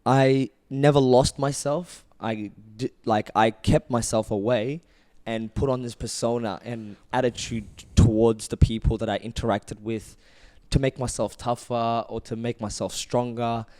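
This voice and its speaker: A man's voice: medium pitch, fairly even intonation, measured pace, dark tone. A man in his twenties, originally from Ethiopia, earnestly and reflectively telling his own story as a clothing brand founder on a casual podcast. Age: 20s.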